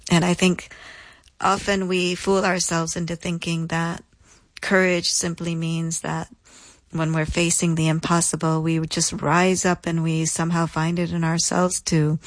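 Telling her own story as an interview guest, a woman uses a slightly low voice and a reflective, deliberate delivery that leans on repetition for emphasis. The sound is close and dry, free of echo.

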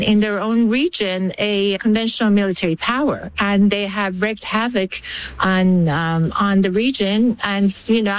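A woman's voice: mid-range voice, clear, resonant tone, rough recording. An older woman from Iran, a guest analyst answering interview questions in a thoughtful, hesitant way, often restarting her phrases.

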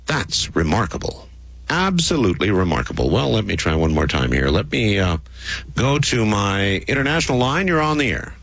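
Smooth radio host, lively and easygoing. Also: male voice, fairly low pitch, dry recording. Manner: easygoing, chatty, quick to laugh. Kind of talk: smooth radio host, late-night call-in show.

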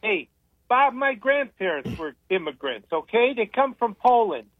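An older man talks on the radio in a loose, rambling way, pushing his opinions through long stories. His voice sits high, and the sound is thin and tinny, like a phone line, with a dry feel and no room echo. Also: big pitch swings, normal speed. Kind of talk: casual radio talk.

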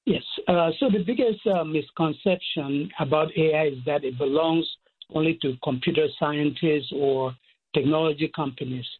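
A man with a Cameroonian accent, speaking as a guest expert in a measured way, listing points. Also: a little high, slightly rough. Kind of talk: phone-in interview. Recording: tinny phone line.

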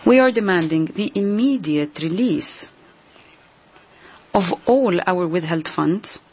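A woman giving a translation voice-over as an interpreter, rendering a formal speech in a measured, deliberate way. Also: on the low side, animated, a little mellow, dull audio, slight background noise. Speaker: simultaneous interpreter.

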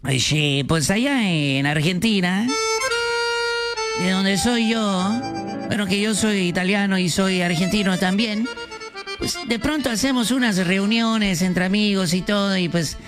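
A man's voice: sits high, unhurried, over loud music. A man playing a boastful, flirtatious building owner who drops in as a guest on a comedy radio show, chuckling as he brags. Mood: boastful flirting.

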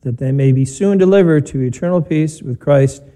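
Male priest at a pulpit microphone, mellow and warm, measured, plain-spoken. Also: a little high. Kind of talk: homily and spoken Mass prayers. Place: church during a broadcast Mass.

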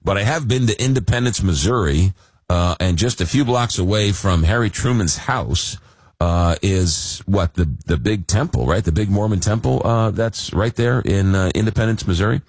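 Fighting a cold and losing his voice, a man hosts a late-night call-in radio show. His voice is on the low side, husky and darkish in tone, at a moderate pace. He rambles casually with plenty of fillers and dry humor, in a dry recording.

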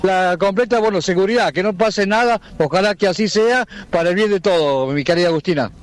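High-voiced male reporter. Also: fairly quick. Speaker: field reporter. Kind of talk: live news report.

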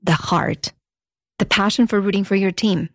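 A woman's voice: medium pitch, steady tone, normal speed, dry recording, studio quality. A woman hosting and narrating a scripted piece in a conversational way, with personal asides. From United States. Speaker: host and narrator. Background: music bed.

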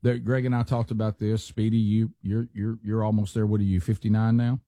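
Folksy older man, dark voice. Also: lowish voice, level tone, a little fast, no echo, clean studio sound. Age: 60s. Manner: chatty, folksy, many fillers and restarts. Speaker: radio show host. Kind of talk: casual chat.

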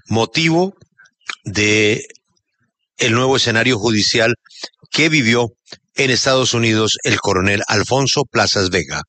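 A male radio news anchor with a bright, forceful tone and a mid-range pitch. He talks in a conversational way as he moves between segments. The sound is dry and close. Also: no echo. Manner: conversational, hands over to reporters.

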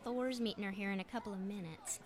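An actress voices a supportive yet exasperated young best friend in a family radio drama, sounding animated, emphatic and reassuring. Her voice is mid-range and close to everyday speech, delivered at a quick pace.

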